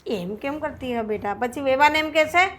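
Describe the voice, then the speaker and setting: An actress playing an older mother who gently coaxes her married daughter. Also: sits high, brisk. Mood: coaxing. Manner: soothing, coaxing. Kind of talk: short film acting. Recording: faint background music. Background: faint music.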